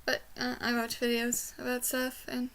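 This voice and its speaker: High-pitched young woman with soft R's. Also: monotone, moderate pace. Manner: trouble pronouncing R sounds, says w for r. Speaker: book reviewer. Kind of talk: casual rambling vlog review. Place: small bedroom, indoors.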